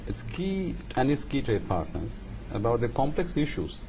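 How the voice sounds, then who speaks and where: A man's voice: medium pitch, big pitch swings, normal speed. A man working as an interviewer, putting formal political questions to a guest. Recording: faint background noise.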